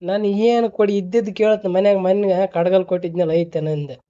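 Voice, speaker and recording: A high-voiced man with a dark tone speaks at a quick pace on a phone call. With a North Karnataka accent, he scolds and needles in casual banter, going over his questions repeatedly, and the band-limited audio is noisy.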